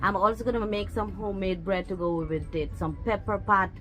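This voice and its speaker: Outdoors in her backyard, a woman from Guyana walks viewers through a recipe, chatting freely and talking to her pets too. She speaks a little fast in a mid-range voice with fairly even intonation and her Guyanese accent, over faint music.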